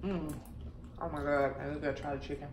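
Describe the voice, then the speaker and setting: A woman's voice: sits low, steady tone, quick pace, distant mic, background noise. A woman in her thirties, co-hosting a couples channel, chatting easily between bites. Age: 30s. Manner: easygoing, giggly, talks between bites. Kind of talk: casual mukbang chat. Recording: echoey room.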